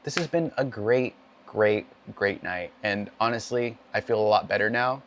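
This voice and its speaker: A man streamer with a hoarse voice and a cough, rambling in upbeat, self-deprecating chat as he wraps up a racing stream from his home gaming setup. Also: lowish voice, moderate pace, fairly bright tone, highs cut off, a little hiss or hum. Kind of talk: casual end-of-stream chat.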